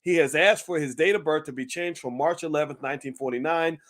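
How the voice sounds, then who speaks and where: A man's voice: fairly high pitch, fast talker, a bit bright. Chatty male commentary host. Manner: chatty, laughing, lots of restarts and asides to viewers. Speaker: channel host. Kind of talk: casual talk-show commentary.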